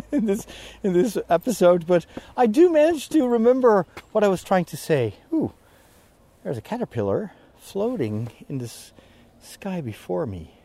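A priest and vlogger records a walking monologue while climbing a hill through the woods, tired and short of breath, rambling with self-deprecating asides. His voice sits high and warm, unhurried, with big pitch swings.

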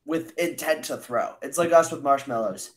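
A man co-hosting a podcast, chatty in casual sports talk, quick with asides. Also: a little high. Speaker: podcast co-host.

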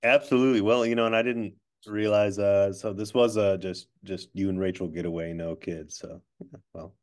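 Man, podcast host, deep pitch, casual chat, halting delivery, self-deprecating manner. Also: fairly even intonation. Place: office. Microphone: not his regular microphone.

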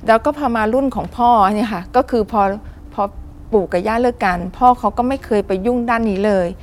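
A woman's voice: a little high, brisk, a little mellow, a little hiss or hum. A woman calling in to tell a personal story. She speaks politely and animatedly, often addressing the host, and acts out voices as she goes. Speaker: caller sharing a personal experience. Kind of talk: vivid spoken storytelling.

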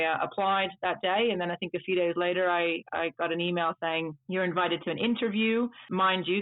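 A native Dutch speaker in their thirties, a tour trip manager with ties to the Netherlands and the United States, talks at length in a casual storytelling interview over a video call, giving chatty, long, rambling answers. The voice is medium-pitched, and the recording is dry, with a tinny, phone-like line.

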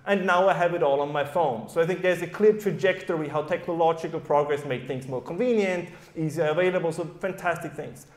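A man with a German accent addresses a live audience in a loose, conversational way, often tossing in a quick "right?". His voice sits fairly high for a man and rings out in an echoey hall. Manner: conversational, keeps checking in with "right?". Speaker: panel speaker. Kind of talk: live panel talk to an audience. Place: event hall at a summer school.

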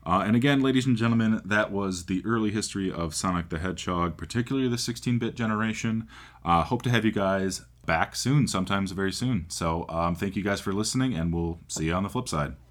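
A man's voice: deep voice, brisk. A man hosting a podcast in a casual, laid-back way, who laughs at his own slips. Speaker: podcast host.

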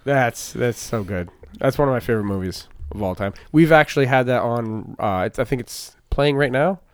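A man's voice: mid-range voice, moderate pace, clean tone, no room sound. A man hosting a podcast, chatting casually and telling rambling stories. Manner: rambling, animated storyteller. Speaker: podcast host. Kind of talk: casual chat.

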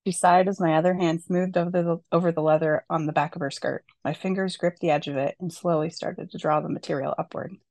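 A woman with a notably low voice reads from her own novel. Her delivery is steady and unhurried, with a little extra weight on the dialogue. The recording is close and dry. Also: no room sound. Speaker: author.

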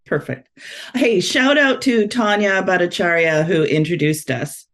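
A woman's voice: on the low side, measured pace. A woman hosting a podcast interview in a casual, chatty way. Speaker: podcast host.

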